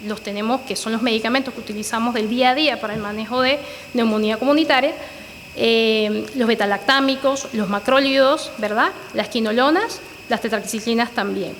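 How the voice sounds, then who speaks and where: Female physician lecturer, higher voice, explanatory with fillers; echoey reverberant room, faint background noise. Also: a little fast, fairly bright tone. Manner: explanatory, frequent "eh" fillers and "¿verdad?" tags. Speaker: pulmonologist lecturer. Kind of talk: medical lecture with slides.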